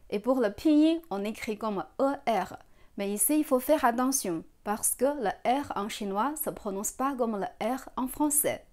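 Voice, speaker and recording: A woman's voice: fairly high pitch, a little mellow. A woman teaching a beginner language lesson, patiently coaching viewers to repeat after her and praising their efforts. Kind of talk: step-by-step pronunciation lesson.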